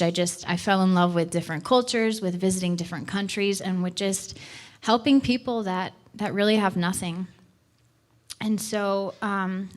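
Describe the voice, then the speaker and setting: A young woman, a church missions director, giving an earnest, chatty talk from a stage, with fillers and self-corrections. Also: mid-range voice. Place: church hall.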